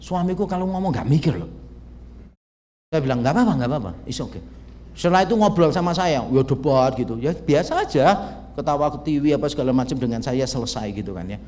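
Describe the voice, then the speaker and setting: A man's voice: mid-range voice, expressive, fast, darkish tone. A male pastor, preaching a sermon in a casual storytelling way and acting out conversations. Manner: conversational storytelling, acts out dialogue. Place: church. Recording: church hall reverb.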